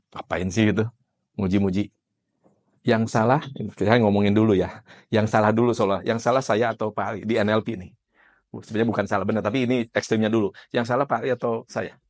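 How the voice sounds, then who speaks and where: A man giving a conversational classroom lecture as an NLP trainer, quizzing participants by name and explaining with everyday examples. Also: lowish voice.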